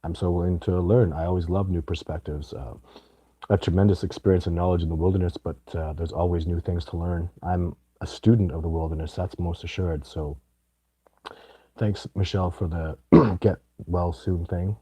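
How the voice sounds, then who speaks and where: A middle-aged livestream host with a sore, raspy throat and a very low, dark voice answers viewer questions in a casual live chat. He rambles, restarts often and presses his points hard, at a steady tone and normal speed. The sound is close and dry with no room sound, and the audio quality is poor.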